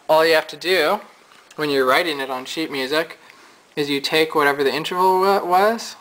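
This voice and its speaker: A man's voice: on the high side, bright, forceful tone, rough recording. A man giving a casual, chatty piano lesson, explaining his points at the keyboard. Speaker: music teacher. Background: piano notes.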